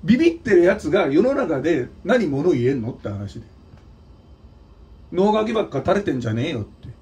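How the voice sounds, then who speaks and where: A man from Nagano, Japan, who hosts his own channel and plays drums, delivers a blunt, scolding opinion monologue full of mocking asides. His voice is on the high side, mellow and fairly quick, with big pitch swings, and he's recorded from a distance.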